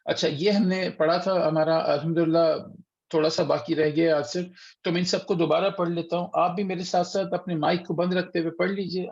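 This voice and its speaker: A man teaching a Quran recitation class online, patiently sounding out letters slowly and repeating them for students. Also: fairly high pitch, creaky, lo-fi sound. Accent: Urdu-speaking. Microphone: computer mic on a video call.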